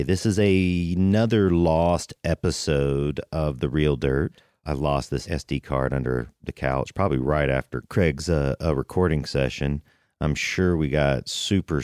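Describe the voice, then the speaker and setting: A man's voice: rumbling low, a little mellow, no room sound, clean studio sound. A man hosting a podcast, giving a casual, rambling introduction monologue with emphatic repetition. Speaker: podcast host.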